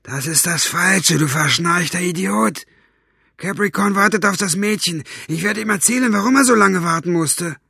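A man reading aloud and voicing a brutal, bullying male henchman who barks contemptuous threats in a raised, higher voice. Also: fairly even intonation, a little fast, hardly any pauses, fairly bright tone, no echo, studio quality. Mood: angry.

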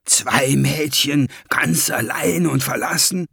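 A man's voice: mid-range voice, slow, gravelly, a bit bright, breathy edge, no echo, studio quality, heavily acted. A man voicing a scheming, greedy male dwarf who whines and protests, in an audiobook. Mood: whining protest.

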